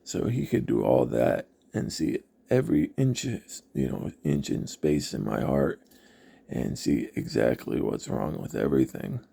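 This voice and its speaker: A man telling his personal story in a halting, reflective way, with many pauses. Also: a bass voice, big pitch swings, creaky, dark tone, breathy edge. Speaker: vlogger.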